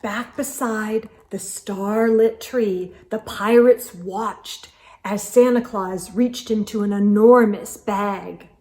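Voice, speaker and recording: A woman reading a children's story aloud with expressive narration. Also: medium pitch, slow pace.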